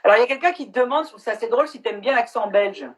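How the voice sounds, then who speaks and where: A woman's voice: fairly high pitch, rapid-fire. Chatty frank woman on a video call. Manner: frank and chatty, swears casually. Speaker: actress hosting a live stream. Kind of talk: casual live-stream chat.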